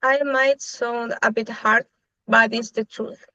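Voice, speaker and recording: Higher-voiced young Chilean woman, dry lo-fi. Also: fairly even intonation, slow pace, bright, forceful tone, dry recording. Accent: Chilean Spanish. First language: Spanish. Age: young adult. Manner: thoughtful, with frequent "eh" fillers. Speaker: interviewee, law student. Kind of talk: casual interview answers. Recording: dry, slightly dull lo-fi recording.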